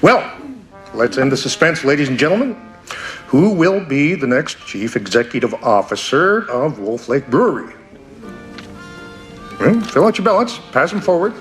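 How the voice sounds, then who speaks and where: An actor playing a sardonic, theatrical man who tells dark events with relish in a wry, mock-ceremonious manner in a television drama. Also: fairly high pitch, big pitch swings, normal speed, pauses often. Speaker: storyteller under questioning. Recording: music behind the voice.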